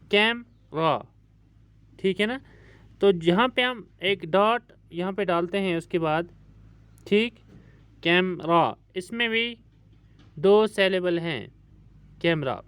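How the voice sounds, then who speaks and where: Man, teacher, recorded class lesson, drawn-out repeated words, unhurried, dry sound. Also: high voice, fairly bright tone, smooth, no echo. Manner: repeats each word several times, drawing it out; patient, addresses pupils as dear children. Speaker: English teacher.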